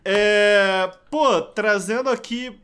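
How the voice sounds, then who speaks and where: A man's voice: high-pitched, extremely slow, a bit bright, smooth. A young man chatting casually as a podcast guest, telling stories with lots of slang fillers. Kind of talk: casual chat.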